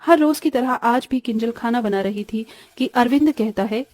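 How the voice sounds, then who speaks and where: A woman narrating a scripted family story in a plain, steady manner. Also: a little high, normal speed, dry recording, soft background music.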